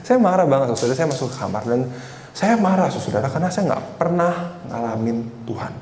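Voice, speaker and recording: A man's voice: mid-range voice, sing-song, fast talker, a little mellow. Young man preaching in an echoey hall. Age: 20s. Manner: personal storytelling, keeps addressing the congregation. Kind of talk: conversational sermon. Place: church hall. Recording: echoey church hall with faint noise.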